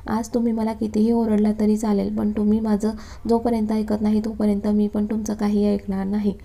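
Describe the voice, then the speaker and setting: A devoted young wife from a storybook love story, gentle but stubborn, voiced by a woman narrator. She speaks softly and earnestly. The tone is warm and dark, and the delivery stays level. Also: medium pitch, monotone, brisk, creaky. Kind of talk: storybook reading.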